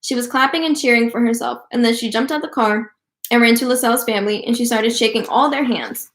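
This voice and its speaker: A woman reading a children's book aloud for a book club, telling the story in a lively way. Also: fairly high pitch, brisk, slight background noise. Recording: roomy echo.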